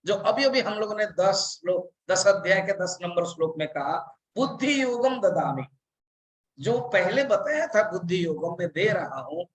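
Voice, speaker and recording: A man, a monk, giving a scripture discourse and slowly reciting verses before explaining them. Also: high-pitched, low-quality recording. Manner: slow, deliberate explanation with drawn-out recited verses. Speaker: monk teacher.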